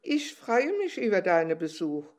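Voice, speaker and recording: A woman voicing a small, shy dandelion that longs for the wide world, asking gentle, curious questions. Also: fairly low pitch, big pitch swings, normal speed.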